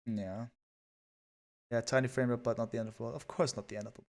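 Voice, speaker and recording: A man's voice: mid-range voice, fairly even intonation, fast talker, darkish tone. A man casting a strategy game live, chatty and rambling with lots of fillers. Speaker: esports caster.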